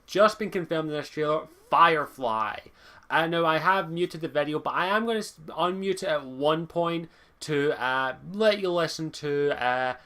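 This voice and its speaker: A man's voice: on the high side, a bit bright. Chatty young man. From Scotland. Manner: chatty, rambling, swears casually. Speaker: gaming video host. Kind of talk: casual trailer commentary.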